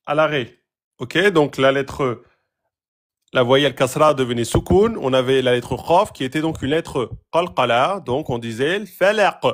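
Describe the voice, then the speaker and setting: A man teaching Quran recitation rules, patiently asking questions and repeating example words slowly. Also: fairly high pitch. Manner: asks students rhetorical questions. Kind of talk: tajwid lesson, explaining a page.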